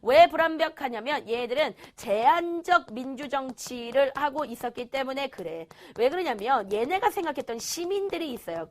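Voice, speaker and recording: A young woman teaching an online lesson to students, playful, asking questions and answering them herself. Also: high-pitched. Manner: lively, playful, asks and answers own questions.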